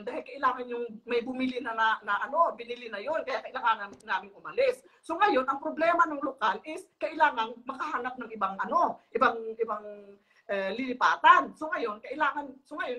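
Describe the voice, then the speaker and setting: Middle-aged woman guest, high bright voice, animated storyteller, laughs and hesitates a lot. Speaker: guest on a live talk show. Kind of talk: casual live-stream chat.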